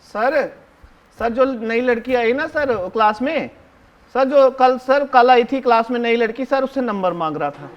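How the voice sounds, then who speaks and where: A man's voice: very high-pitched, fairly even intonation, slow, highs cut off. A male actor performing a one-man stage play as a talkative seventh-grade schoolboy who bosses his classmates and fawns over his teacher. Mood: bossy, tattling. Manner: bossy, chatty, keeps hushing and ordering classmates; fawning toward the teacher, repeats "sir" constantly. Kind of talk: live solo stage acting, addressing the audience.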